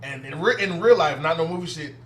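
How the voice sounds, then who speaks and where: This podcast co-host is a man with a fairly high, animated voice who talks a little fast. He rambles loosely and laughs often in a casual chat, and a slight hiss or hum is audible.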